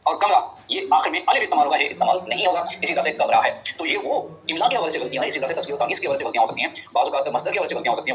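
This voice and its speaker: Fast-talking male teacher drilling spelling rules. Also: on the high side, fairly bright tone, low-quality recording. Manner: quick, drilling explanations with frequent reminders. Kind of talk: exam-prep spelling lesson.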